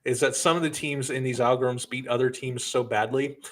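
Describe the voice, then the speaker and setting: A man co-hosting a casual high school football talk show, speaking in a conversational, teasing way. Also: steady tone, brisk, a bit bright. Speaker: podcast co-host.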